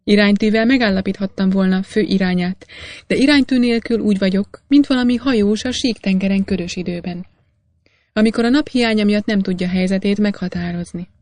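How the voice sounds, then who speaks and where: A woman reading aloud, voicing a measured, polite male mining engineer in a storybook. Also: medium pitch, darkish tone, no echo, lightly acted. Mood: calm.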